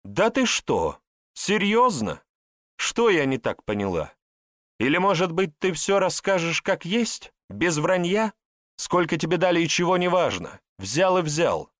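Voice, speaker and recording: A man's voice: low voice, lively intonation, moderate pace, no room sound, studio quality. A man voicing a cold, scornful adult tsaritsa who mocks and presses her brother. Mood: scornful interrogation. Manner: icy, mocking, pressing.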